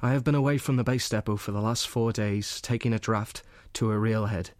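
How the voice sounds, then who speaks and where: An actor giving a gentle, earnest reading as a young soldier writing love letters to his sweetheart from the front. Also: lowish voice, steady tone, brisk, dry recording, close to an everyday voice. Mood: tender. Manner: earnest, gentle, softly intimate.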